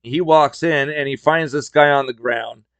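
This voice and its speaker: Gravelly-voiced man telling retail stories. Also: on the high side, normal speed, fairly bright tone, no echo. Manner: wry, conversational, acts out customer dialogue. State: voice strained from talking a lot. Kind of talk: casual storytelling monologue.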